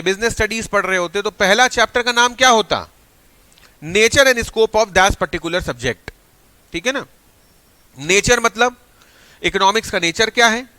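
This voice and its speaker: Bright high-voiced teacher. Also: male voice, clean tone, dry recording. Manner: energetic, mixes Hindi with English phrases. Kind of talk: online exam-prep lecture.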